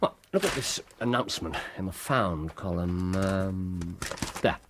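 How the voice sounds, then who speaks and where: In a British radio drama, a male actor with an English accent plays a brilliant, self-assured Victorian detective, his delivery theatrical, erudite and precise. His voice is low and measured in pace, brisk and assured in mood, with a little hiss or hum on the recording.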